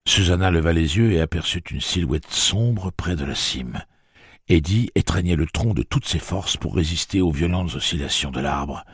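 A man narrates a novel in a deep, husky voice with a lively, dramatic sweep of pitch. The recording is close and dry, with no room sound. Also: normal speed, dry recording. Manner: expressive dramatic reading. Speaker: audiobook narrator. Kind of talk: scripted narration.

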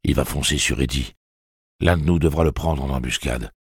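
A terse, stern gunslinger leader, read by a deep-voiced man. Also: moderate pace, husky, no room sound, clean studio sound, full character voice. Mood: tense.

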